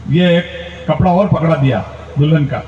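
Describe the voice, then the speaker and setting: A man performing stand-up comic storytelling, animated and playing his relatives in squeals. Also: a little high, normal speed, a little hiss or hum. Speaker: comedian poet. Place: large event stage. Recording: roomy far-off lo-fi stage recording.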